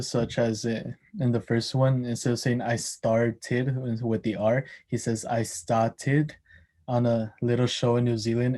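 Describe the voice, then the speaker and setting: A man's voice: medium pitch, mellow. A young man giving a class oral presentation, hesitant, with many ums and restarts. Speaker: student presenter.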